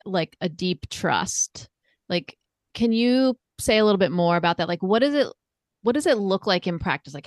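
A woman's voice: lowish voice, no room sound, clean studio sound. A woman co-hosting a podcast who talks eagerly and uses many fillers. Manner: enthusiastic, many filler likes. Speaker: podcast co-host. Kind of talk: conversational podcast interview.

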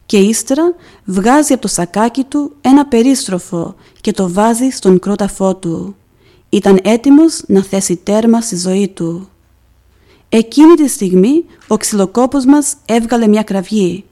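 A woman presents a devotional program in scripted narration. She reads in a measured, solemn way, pausing for emphasis. Her voice is mellow and warm, at a middling pitch. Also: animated. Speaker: podcast presenter.

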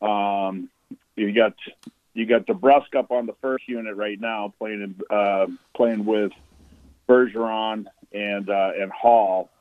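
A man calling in to a sports radio show over a clipped phone line, talking casually and haltingly. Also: lowish voice, steady tone, dry recording. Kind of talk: casual call-in chat. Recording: tinny dry phone line.

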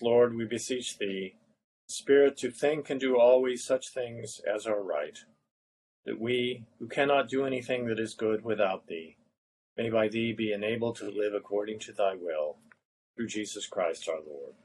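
A man officiating at evening prayer, reciting liturgical prayers in a solemn, measured way. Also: fairly low pitch, darkish tone, a little hiss or hum, low-quality recording.

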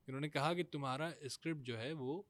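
A man's voice: on the high side, fairly bright tone, no echo. Hesitant writer man. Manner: hesitant, restarts phrases often. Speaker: scriptwriter guest. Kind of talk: casual studio conversation.

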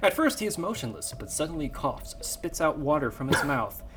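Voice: medium pitch, sing-song, normal speed. A comedy podcast host leading a game and reading a scene script aloud in a playful, theatrical way. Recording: clearly noisy recording.

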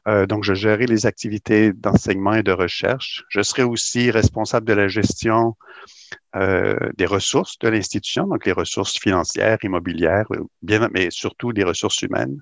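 Heard in a dry, close recording, this low, gravelly-voiced middle-aged Québécois man keeps a steady tone while describing his work without hurry. His speech stumbles along with frequent "euh"s and repeated words, much like a university administrator interviewed on the radio.

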